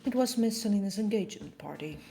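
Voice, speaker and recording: A woman's voice: mid-range voice, lively intonation, fast, creaky, mellow. A woman voicing a reserved, formal attendant in a video game, reading scripted lines evasively with music behind. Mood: grave, formal. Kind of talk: game script read aloud.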